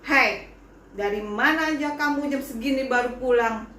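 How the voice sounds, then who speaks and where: A woman voicing a harsh, short-tempered mother eel who scolds and shouts in a storybook tale. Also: sits high, normal speed, echoey room, a little hiss or hum. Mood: scolding.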